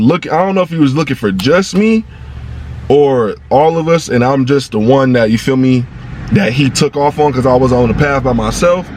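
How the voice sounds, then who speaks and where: A young man recounts a story straight to camera in a loose, profane street-slang ramble. His voice sits at an average pitch and jumps high whenever the tension rises. A faint hiss runs underneath. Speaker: vlogger telling a personal story. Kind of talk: casual storytime monologue.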